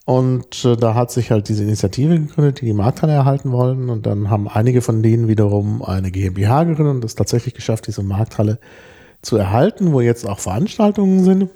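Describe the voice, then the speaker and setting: A man talks in a relaxed, lecturing way, stopping often for fillers and wandering into side topics. His voice is mellow and a little husky. He sounds steady and unhurried. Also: mid-range voice. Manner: explains at length with many fillers and pauses; lecturing, digresses into etymology. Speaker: podcast co-host. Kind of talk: casual chat about bread and word origins.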